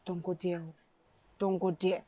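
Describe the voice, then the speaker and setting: A woman's voice: fairly low pitch, flat delivery, warm tone, slight background noise, close to an everyday voice. An actress with a Nigerian English accent playing an angry, proud young woman who turns down a suitor in a film drama. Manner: indignant, rapid questioning.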